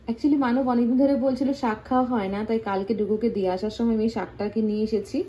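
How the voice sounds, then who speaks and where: A woman's voice: fairly high pitch, fairly even intonation, fairly quick, warm tone, highs cut off, slight background noise. Chatty young woman vlogging in echoey kitchen. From Bengal, living away. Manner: chatty, talks to viewers while cooking. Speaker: family vlogger. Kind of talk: casual home vlog narration. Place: home kitchen. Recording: echoey kitchen with faint ambience.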